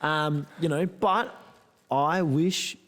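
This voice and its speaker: A man's voice: fairly high pitch, very slow, a bit bright. Blokey Antipodean man in an echoey room. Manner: blokey, slangy, swears freely. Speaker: podcast host. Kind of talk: casual chat. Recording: echoey room with long reverb.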